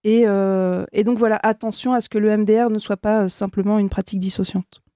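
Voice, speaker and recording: A woman hosts a panel discussion, tossing out questions to her guests and pausing to wait for answers. Her voice is mellow and warm, and it sounds dry and close to the mic. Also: medium pitch, level tone, dry recording. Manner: prompts the panel with questions, halting. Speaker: host.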